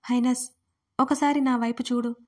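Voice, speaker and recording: A woman's voice: a little high, level tone, normal speed, lightly acted. A woman voicing a protective, stern young man, read plainly in her own voice. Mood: pleading.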